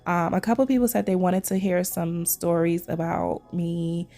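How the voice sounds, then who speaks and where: With a fairly low pitch, a dark tone, and a moderate pace, the nail vlogger from Trinidad chats casually over her video, repeatedly addressing viewers as "y'all." She's still getting her voice back after a sore throat, so it sounds a little scratchy and she has a slight throat tickle.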